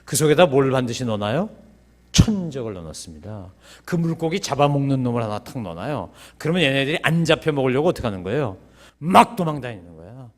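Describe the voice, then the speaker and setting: A man preaching a sermon as pastor, asking rhetorical questions and breaking into sudden loud, high bursts. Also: big pitch swings, quick pace.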